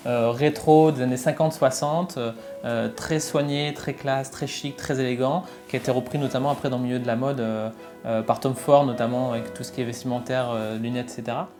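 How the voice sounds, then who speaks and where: A man in his thirties from northern France, a fashion brand co-founder, speaking in a casual promotional interview and often pausing with fillers and restarts. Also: mid-range voice, fairly even intonation, a little mellow, soft background music. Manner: hesitant, many fillers and restarts.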